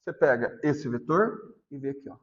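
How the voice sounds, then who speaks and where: A Brazilian male physics teacher giving a class lecture, often stopping to ask whether students are following and repeating key points slowly. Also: mid-range voice, lively intonation, highs cut off. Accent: Brazilian Portuguese. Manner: asks constant check questions, repeats points slowly.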